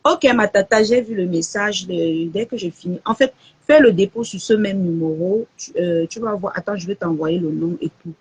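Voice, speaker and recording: A woman's voice: medium pitch, moderate pace, husky. A woman chatting casually on a live stream, answering viewer messages and quoting prices.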